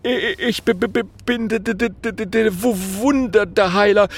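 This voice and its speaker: A man's voice: sits high, fairly even intonation, moderate pace, pitched above the performer's own voice. A man voicing a nervous young prince who stammers and trips over his words. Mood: flustered. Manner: stammering, flustered.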